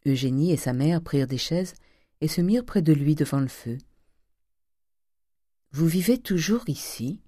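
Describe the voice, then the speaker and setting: A woman narrating a classic novel in a steady, measured reading style. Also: low-pitched, no room sound, clean studio sound. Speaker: audiobook narrator. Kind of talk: scripted narration.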